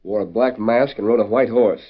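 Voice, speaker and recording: Actor as folksy, suspicious western sheriff. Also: male voice, lowish voice, normal speed, close to an everyday voice. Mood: wary, suspicious. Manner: folksy frontier drawling slang. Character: small-town western sheriff, plainspoken and suspicious. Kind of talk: old radio western acting. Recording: dull lo-fi old radio recording.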